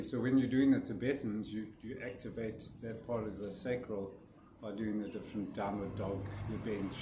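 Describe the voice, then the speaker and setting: A man casually demonstrating a breathing exercise, often restarting his sentences and yawning. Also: fairly low pitch. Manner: rambling, restarts sentences, yawns. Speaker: breathwork teacher. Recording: roomy echo with faint noise.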